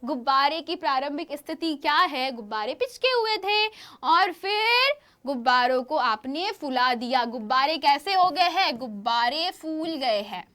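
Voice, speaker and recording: A woman teaching a science lesson to schoolchildren, with a lively, questioning manner, often asking the class to answer. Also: high voice, unhurried. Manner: lively, questioning, addresses pupils as children.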